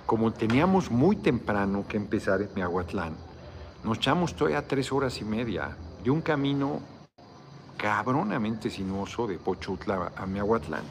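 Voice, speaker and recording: A man's voice: fairly low pitch, very animated, moderate pace, slight background noise. A tired middle-aged man with a Mexican accent, chatting casually on a livestream, rambling, cursing and reading out viewer comments. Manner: rambling, salty slang, reads viewer comments aloud. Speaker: politician hosting a live video chat.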